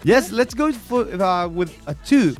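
A man in his thirties with a Chilean Spanish accent, co-hosting a bilingual radio show in casual chat, animated and laughing often. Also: high-pitched, slow pace, soft background music.

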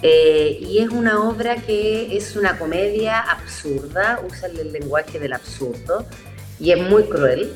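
A woman, a theatre guest explaining her play in a measured, explanatory way. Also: fairly low pitch, animated, soft background music. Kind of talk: interview.

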